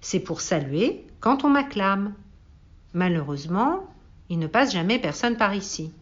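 A woman's voice: mid-range voice, very animated, a little slow, muffled recording. A woman reading aloud and voicing a vain, boastful man who talks in a pompous, self-satisfied way.

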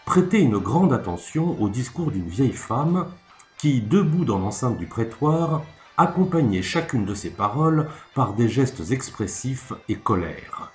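A man reads a classic tale aloud, measured and expressive, his pitch rising and falling freely. The voice sits in an echoey room, with faint instrumental music beneath it. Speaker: narrator. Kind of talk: literary reading.

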